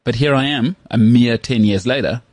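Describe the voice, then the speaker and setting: A man's voice: medium pitch, moderate pace, darkish tone, no echo. A man in his thirties hosting a casual chat, rambling and self-mocking with lots of restarts. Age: 30s. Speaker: podcast host.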